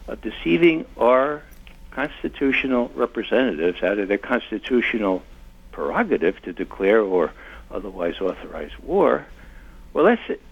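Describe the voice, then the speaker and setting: A man's voice: lowish voice, vocal fry, husky, dull audio. An older man, a former intelligence analyst, speaking as an interview guest in an impassioned, emphatic way. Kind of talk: conversational interview.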